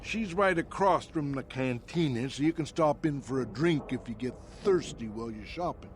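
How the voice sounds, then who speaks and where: An actor playing a grumpy, folksy old janitor in a video game, with a rambling, stammering way of talking. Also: male voice, medium pitch, animated, moderate pace, a little hiss or hum, lightly acted. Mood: folksy, reserved. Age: older.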